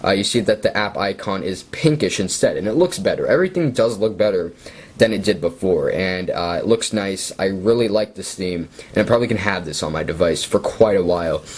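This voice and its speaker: Husky low-voiced young man, chatty. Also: fairly quick. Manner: relaxed and chatty, self-deprecating asides. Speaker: tech video creator. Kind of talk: casual screen-recorded walkthrough.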